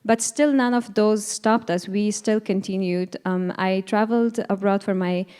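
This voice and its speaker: Young woman in her 20s, panel speaker; smooth, warm tone, earnest and hesitant with lots of ums. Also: medium pitch, steady tone, moderate pace. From Afghanistan. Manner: earnest, hesitant, frequent fillers and restarts. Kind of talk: personal testimony at a panel event.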